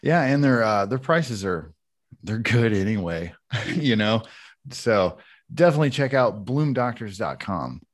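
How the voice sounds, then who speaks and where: Stoned on cannabis, a man co-hosting a laid-back podcast talks loosely and keeps laughing as he delivers a sponsor read. His voice sits on the low side, with lively intonation and a measured pace.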